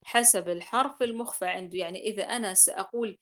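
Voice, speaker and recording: A woman's voice: mid-range voice, fast talker, fairly bright tone. A woman teaching Quran recitation rules in a class, explaining patiently, repeating key points and sounding out examples.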